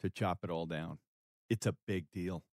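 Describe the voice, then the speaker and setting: A man with a deep, low-pitched voice talks through faith and life on a podcast. His delivery is earnest and emphatic, with a preacher's conviction. The sound is dry and close, with no room around it. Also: fairly even intonation, moderate pace, a little mellow, no echo. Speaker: podcast co-host, author. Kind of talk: faith-based conversational talk.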